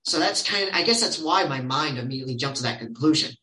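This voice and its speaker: A man telling stories casually as a podcast guest, animated and quoting others in lively voices. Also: on the high side, fast talker, echoey room, poor audio. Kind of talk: casual storytelling.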